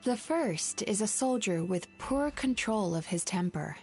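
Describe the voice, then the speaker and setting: An actress playing a composed young woman with a clinical, gentle yet firm way of speaking, in a game cutscene. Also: mid-range voice, animated, unhurried, faint music behind. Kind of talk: video game cutscene dub.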